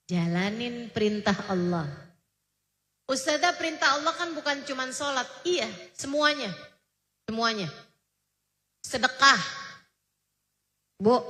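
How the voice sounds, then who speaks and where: Slow, bright-voiced woman preacher. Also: on the high side. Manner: emphatic, addresses listeners directly. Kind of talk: sermon. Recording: reverberant hall.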